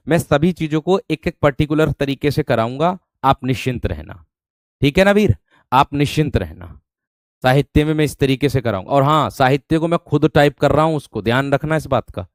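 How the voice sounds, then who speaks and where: A man's voice: medium pitch, animated, normal speed, no room sound, studio quality. A man teaching a live online spelling class, often repeating words and asking rhetorical questions while calling his students "my friend".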